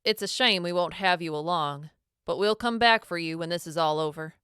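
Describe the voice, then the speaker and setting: An easygoing man from a storybook, calm and reassuring in a casual way, put on by a woman reading aloud. The voice is low and smooth, recorded close and dry. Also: normal speed, dry recording, close to an everyday voice.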